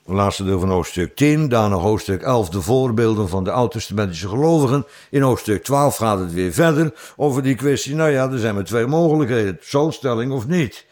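Middle-aged preacher, man, slow stressed scripture reading, plain asides. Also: medium pitch, animated, a little mellow. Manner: reads scripture slowly with stress, explains in plain talk. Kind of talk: Bible teaching sermon.

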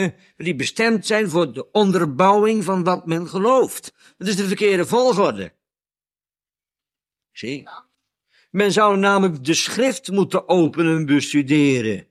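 A man teaching from the Bible in an easy, talkative way. His voice sits a little high for a man, and he slows down and stresses words when he reads the verses aloud. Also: fairly bright tone. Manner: conversational, tag questions after points; reads scripture slowly with emphasis.

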